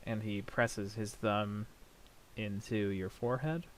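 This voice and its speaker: Lowish-voiced male game master, measured. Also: fairly even intonation, slight background noise. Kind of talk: improvised tabletop game narration.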